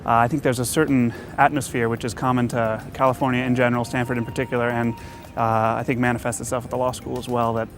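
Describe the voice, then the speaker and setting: A young man from the US East Coast talks through interview answers in an even, flat tone, pausing often to find his words. Soft music plays behind him. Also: medium pitch. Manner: hesitant, thoughtful, many filler pauses. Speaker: law student.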